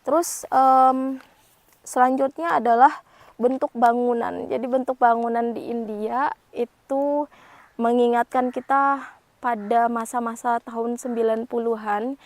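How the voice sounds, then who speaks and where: A young woman from Indonesia talks casually to her camera at home, chatty and loose, filling gaps with little tag phrases. Her voice sits a bit high, and the recording is dry and close with no room sound. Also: a little mellow, dry recording. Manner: chatty, frequent fillers and "gitu ya". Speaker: vlogger.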